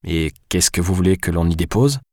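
A man's voice: sits low, lively intonation, brisk, mellow, no echo, clean studio sound. A man voicing a sarcastic young Frenchwoman on the run in an audiobook, firing off biting retorts. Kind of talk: audiobook character voice.

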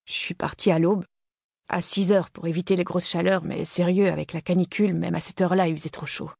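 A man's voice: sits high, level tone, fairly quick, gravelly, darkish tone, breathy edge, dry recording, studio quality, heavily acted. A man reading an audiobook voices a nervous, slangy nineteen-year-old hiker who is half stoned. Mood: defensive. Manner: slangy, defensive, mumbling.

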